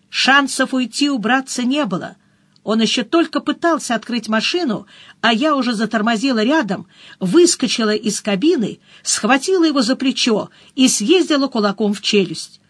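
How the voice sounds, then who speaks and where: Woman reading a lively audiobook. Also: a little high, dry recording. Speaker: audiobook narrator. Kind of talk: first-person audiobook narration.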